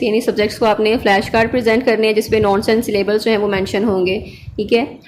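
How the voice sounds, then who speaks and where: A woman, an online tutor calmly explaining a lab practical and mixing English terms into her speech. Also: on the high side, a little hiss or hum. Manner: patient, checks in with "okay" and pauses on fillers.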